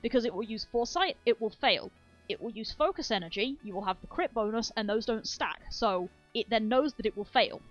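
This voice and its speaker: A woman's voice: a little high, lively intonation, fairly quick, lo-fi sound, soft background music. A woman streamer chatting casually and rambling enthusiastically about speedrun details, swearing freely. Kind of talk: casual game-stream chat.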